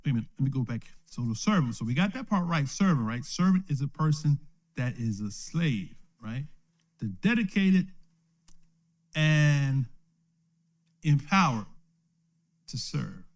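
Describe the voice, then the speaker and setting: Slow, lively-voiced elder teaching scripture. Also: male voice, on the high side. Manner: asks "right?" after most points, chuckles often. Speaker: elder teaching a Bible lesson. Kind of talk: informal Bible teaching. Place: recorded at home or a small study, streamed live.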